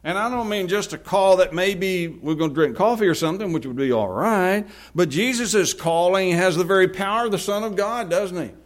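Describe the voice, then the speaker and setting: A man preaching a sermon, reading scripture aloud and swinging from quiet, low asides to loud, forceful passages. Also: a little fast, few pauses.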